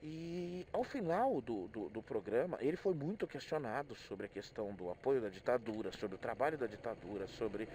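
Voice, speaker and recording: A warm, medium-pitched voice belongs to a middle-aged motorcyclist vlogger with a Brazilian accent, who thinks aloud in an easygoing, hesitant monologue of personal reflections and frequently repeats himself. He speaks expressively at a moderate pace with few pauses, over slight background noise.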